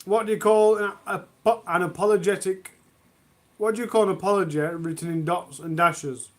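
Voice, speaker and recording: A man's voice: high voice, fairly even intonation, normal speed. A man hosting a long charity livestream from home, reading out corny jokes and mocking them himself. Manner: self-mocking, groans at own jokes. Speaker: livestream host.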